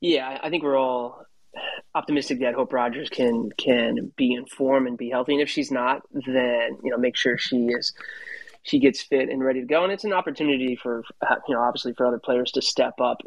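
A man co-hosting a rugby podcast, talking in a measured, hedging way. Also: medium pitch, steady tone, no room sound, highs cut off. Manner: measured, hedging, uses fillers. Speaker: podcast co-host. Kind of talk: casual rugby chat.

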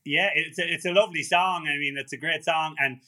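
Bright-voiced man interviewing. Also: a little high, fairly even intonation, a little fast. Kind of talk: casual interview chat.

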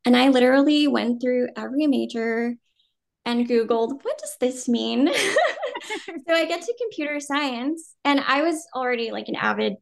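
Speaking high and creaky at a moderate pace, a woman in her thirties chats casually through an interview as a guest actor. Raised in New Jersey with Vietnamese as her first language, she now carries an American accent. She's easygoing and rambling, leaning on "um" and "like" and quick to laugh.

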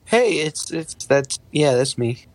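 A man's voice: fairly high pitch, expressive, takes it slowly. A man co-hosting a casual sports podcast, dropping dry jokes and short interjections. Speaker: podcast co-host.

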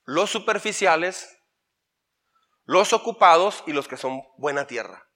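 A man with a Mexican accent, a pastor preaching an animated sermon that swings from loud to soft. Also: on the high side, a little slow.

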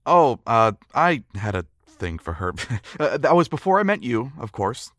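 An actor playing an eager, flustered young newlywed husband in an audio drama, often stammering. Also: male voice, mid-range voice, sing-song, unhurried, fairly bright tone, dry recording, studio quality.

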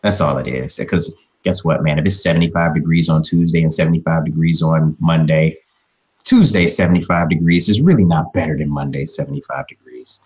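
Deep-voiced man chatting casually in an interview. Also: brisk, darkish tone, poor audio. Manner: informal, folksy, peppered with "man" and "you know". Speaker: interview guest, communication trainer and author.

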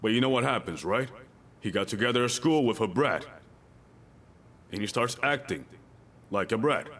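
A man's voice: medium pitch, expressive, normal speed, fairly bright tone. A male pastor preaching a sermon, emphatic and repeating his key lines, with joking asides to the congregation.

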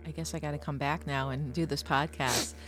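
A woman's voice: deep voice, steady tone, fairly quick, a bit bright, soft background music. A woman hosting a podcast in a casual, conversational interview style. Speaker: podcast host.

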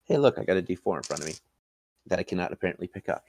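A man narrating a tabletop game as game master, in a relaxed, measured way. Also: sits low, a little hiss or hum.

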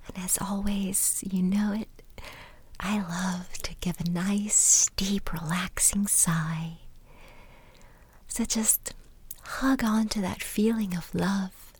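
A woman whispering a soothing guided meditation and a bedtime story in a slow, calm way. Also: medium pitch, slightly rough, no echo.

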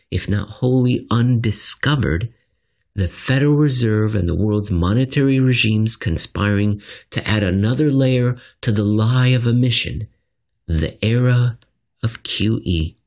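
Reading a scripted finance commentary, a man speaks at medium pitch with expressive, dramatic, deliberately shaped phrasing.

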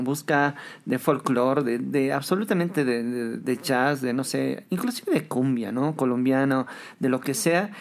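A young adult Bolivian man with a Bolivian Spanish accent, a pianist chatting in an interview with frequent tag questions. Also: medium pitch. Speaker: guest musician, pianist. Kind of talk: casual interview talk.

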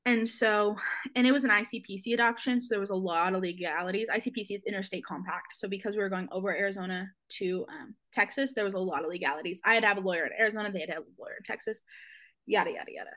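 Young woman guest on a podcast, emotional and halting, lots of um and like, near tears, mid pitch. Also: fairly bright tone. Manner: emotional, halting, many fillers and restarts. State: close to tears. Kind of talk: personal storytelling.

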